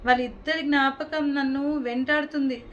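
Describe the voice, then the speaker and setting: A woman's voice: high-pitched, steady tone, normal speed, close to an everyday voice. A woman voicing Lord Krishna, a young male cowherd god who longs for home, in a slightly muffled recording with faint hiss. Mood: grieving. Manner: calls out eagerly to friends, then laments softly.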